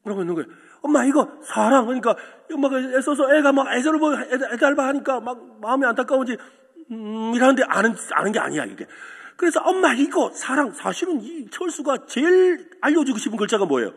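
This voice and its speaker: In an echoey church sanctuary with long reverb, a pastor preaches quickly in a very high-pitched, breathy-edged voice with big swings in pitch. His sermon features a story and questions directed at the congregation.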